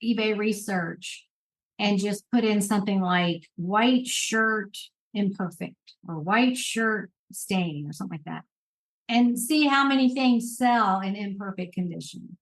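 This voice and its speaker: Woman host, casual reassuring chat, mid pitch, easygoing fillers. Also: unhurried, rough recording. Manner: chatty, reassuring, thinks aloud with fillers. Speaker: podcast host. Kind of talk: casual chat about reselling.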